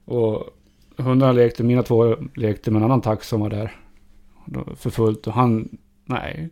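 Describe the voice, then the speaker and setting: A man's voice: medium pitch, steady tone, creaky, warm tone. Guy in a casual chat, mid voice, says mm a lot then tells stories. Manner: short agreeing replies, tells anecdotes in plain words.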